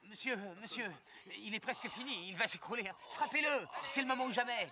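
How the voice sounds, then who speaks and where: An actor playing a humble, good-natured former monk and comic sidekick in a French martial arts film dub. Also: male voice, very high voice, fairly quick, very noisy. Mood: eager, goading.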